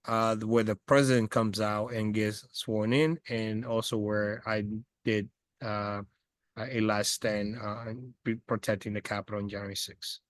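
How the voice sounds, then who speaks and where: Outdoors near a house surrounded by trees, a Dominican man in his forties answers questions in English on a video call for a casual interview. His lowish voice stays flat at a measured pace, with many fillers and restarts, and there is no room sound.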